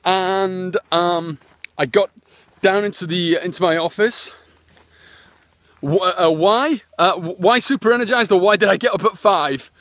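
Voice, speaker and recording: A man's voice: high-pitched, measured pace, fairly bright tone, no room sound. A man chatting in a rambling way, full of fillers and restarts, while live-streaming on his phone outdoors on a walk. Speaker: internet marketer. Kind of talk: live-streamed walking vlog. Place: outdoors, walking his land.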